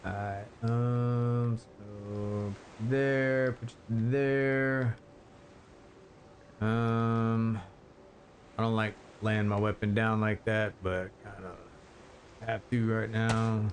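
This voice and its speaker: A man's voice: fairly low pitch, fairly even intonation, a little hiss or hum. A man casually commentating his game on a live stream, joking and chatting with viewers, rambling with lots of fillers. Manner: slow, rambling with many fillers.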